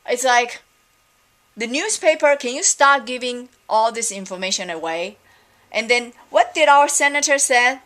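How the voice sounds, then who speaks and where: Animated and forceful, this bright, rather high female voice takes its time. She's a middle-aged Taiwanese vlogger venting her opinions in a loose, rambling way, exasperated and full of fillers.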